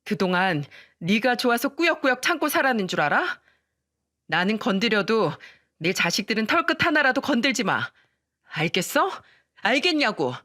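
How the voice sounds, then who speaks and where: A woman's voice: fairly low pitch, lively intonation, normal speed, no room sound, clean studio sound. A woman voicing a long-suffering mother who turns fierce in defense of her children, in a dramatized radio story. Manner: sharp, scolding outbursts.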